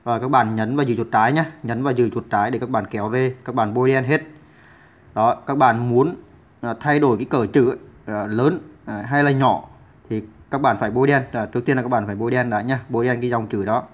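Brief: male tutor, rapid delivery, halting with fillers, patient repeats, beginner computer lesson. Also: medium pitch, steady tone. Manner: hesitant, many filler sounds and restarts. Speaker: channel host teaching computer basics.

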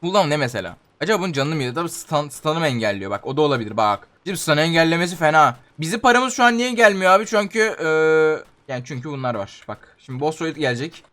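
A young man narrates his game run in a rapid stream of chatter. His voice sits high and he moves from exasperated complaints to cheerful asides aimed at his viewers. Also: bright, forceful tone. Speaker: gaming YouTuber. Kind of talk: excited gameplay commentary.

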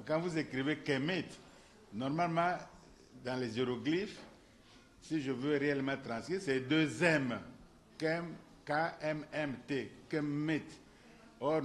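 A man, addressed as professor, patiently explains at a conference, restating each key point several times. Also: medium pitch. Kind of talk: explanatory lecture.

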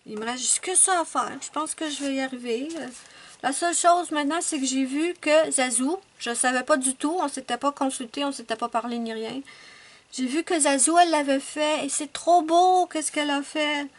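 High-voiced woman chatting casually. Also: normal speed. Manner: rambling, self-correcting, thinks aloud. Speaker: coloring vlogger. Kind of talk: casual show-and-tell chat.

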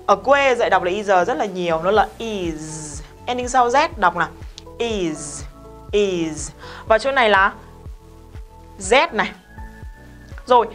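A woman teaching English pronunciation in a Vietnamese accent, brisk and strict, slowly drilling phrases for learners to repeat. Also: mid-range voice, fairly bright tone. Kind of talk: recorded online lesson.

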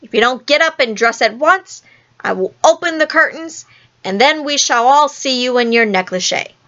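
A proud boy leader who is used to being obeyed, as a woman reading aloud puts him on. He speaks in a short, sharp, commanding voice, a little lower than the reader's own, and the recording has a dull lo-fi tone. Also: expressive, normal speed.

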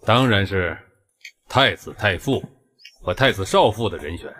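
An actor playing a shrewd, imperious emperor in a historical TV drama, with a commanding, pointed delivery. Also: male voice, on the low side, expressive, measured pace, sharp tone, heavily acted. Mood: calm, commanding.

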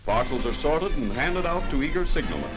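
Lively man narrating an old newsreel. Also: on the high side, brisk, poor audio. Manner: jaunty, punchy delivery with wisecracks. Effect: old newsreel voice-over. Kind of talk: 1940s wartime newsreel narration. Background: music.

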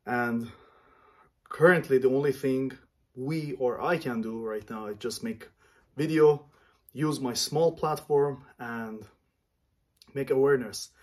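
A vlogger from Iran, a man in his thirties, talks to camera from a small home room with a medium-pitched voice. He comes across as earnest but halting, frequently stopping to find the right word.

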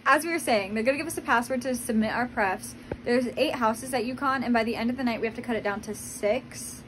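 A woman's voice: a little high, brisk, fairly bright tone. A young woman in her late teens chatting casually to a vlog in colloquial sorority-girl style, saying "like" often. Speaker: vlogger, college freshman. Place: small dorm rooms, indoors. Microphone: phone at arm's length. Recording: noisy handheld phone recording.

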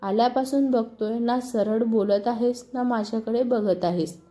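A woman's voice: on the high side, steady tone, a little slow, mellow, natural voice. A woman reading a storybook, voicing an insistent, teasing young husband who keeps pressing firm questions.

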